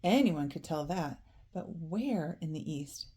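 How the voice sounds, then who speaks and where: A woman reading a storybook, voicing an earnest, worried young boy in a quiet, subdued way. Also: mid-range voice, expressive, a little fast, slightly rough.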